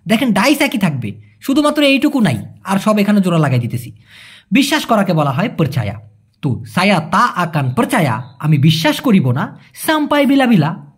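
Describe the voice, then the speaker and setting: A man teaching a language in a casual lesson. He repeats phrases slowly and then explains them quickly, answering viewers' questions. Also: sits high, breathy edge.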